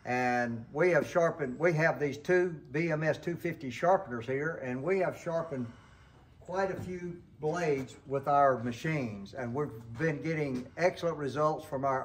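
Filmed on a handheld camera in an open barn workshop, an older host of a sawmill sharpening show walks through a casual how-to. He talks a little slowly in a medium-pitched voice, folksy and rambling, frequently going back to correct what he said.

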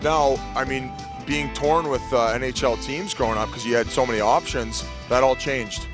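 A man's voice: medium pitch, moderate pace, music in the background. A man in his thirties hosting a casual street interview outdoors with a handheld mic, full of teasing, joking banter. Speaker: host.

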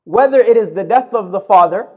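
A man in his thirties delivering a Friday sermon in a mosque, speaking at a podium microphone in a measured, emphatic way. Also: high-pitched, lively intonation, highs cut off. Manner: measured, emphatic delivery with fast recited Arabic verses. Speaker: khutbah speaker. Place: mosque prayer hall, indoors. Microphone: gooseneck podium mic.

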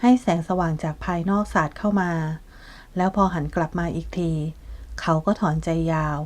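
Brief: woman narrator, scripted audiobook reading, steady delivery. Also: lowish voice, moderate pace.

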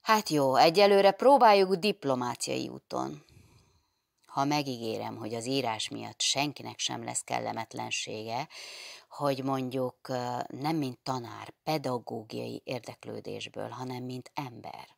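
Egy nő felolvasásában fanyar humorú fiatal pap-tanár. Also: female voice, rumbling low, creaky, no echo, heavily acted. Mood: wry diplomacy. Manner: dry ascetic humor, half-stern, probing. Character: stern, wry young male priest teacher.

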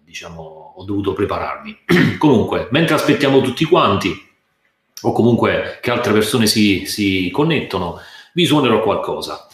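A male guitar teacher chatting casually on a live stream from his sofa at home, halting and restarting his sentences, a little nervous. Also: lowish voice, echoey room.

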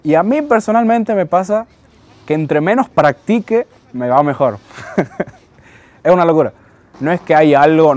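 A man's voice: mid-range voice, a little mellow. A man in his twenties from Tucumán with an Argentine accent, talking casually and hesitantly in an interview, often repeating words. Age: 20s. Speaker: freestyle rapper interviewed.

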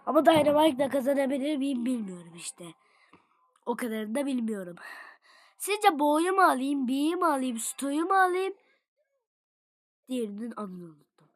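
A woman giving casual gameplay commentary to her viewers, excitable and jumping from low mutters to sudden shouts. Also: moderate pace, pauses often, no echo. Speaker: gaming video creator.

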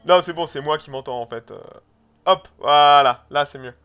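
A man hosting a live book-club stream, talking in a loud, excitable, casual way. His voice is bright and sharp, and sits a little high for a man. He swears offhandedly between remarks. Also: normal speed, clean tone, soft background music. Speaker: stream host.

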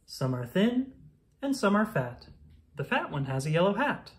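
A woman reading a rhyming children's picture book aloud in an expressive, singsong storytelling style. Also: lowish voice, moderate pace.

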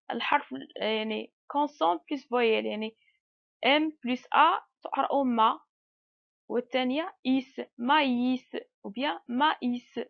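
Slow, patient woman teaching French. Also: high-pitched, creaky, dull audio. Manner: slow and patient, drawn-out letter sounds, mixes Arabic and French. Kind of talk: slow spoken lesson, spelling out syllables.

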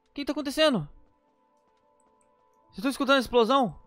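Very high-pitched, frantic man. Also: expressive, fast, fairly bright tone, no echo, faint music behind. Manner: panicky, exclamatory, repeats words. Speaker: gameplay streamer. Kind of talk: excited gameplay commentary.

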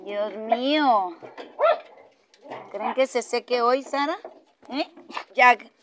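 A woman talks to her dogs at an unhurried pace, slipping between cooing and scolding. Her voice sits a little high. The outdoor recording is noisy, with dogs close by. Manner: coos and scolds dogs in a raised voice, grumbles aside. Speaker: dog keeper and vlogger. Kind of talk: casual vlog talk.

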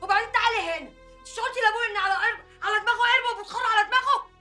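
A woman's voice: very high-pitched, racing, over music. An actress with an Egyptian Arabic accent playing a defiant young woman who argues fiercely with her family. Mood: angry. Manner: fiery, confrontational.

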